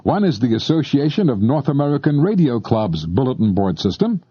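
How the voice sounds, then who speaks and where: A man with a medium-pitched, breathy voice narrates a scripted instructional tape about shortwave radio, very animated and a little fast, speaking directly to the listener as he explains. The dry recording has no room sound and comes from a dull lo-fi cassette.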